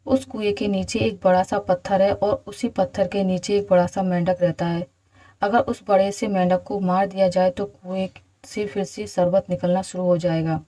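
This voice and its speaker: A woman voicing a grumpy, sleepy male demon in a storybook reading, in a dark, mellow tone. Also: medium pitch, level tone, moderate pace, natural voice, poor audio. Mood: grumbling. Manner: grumbling, impatient.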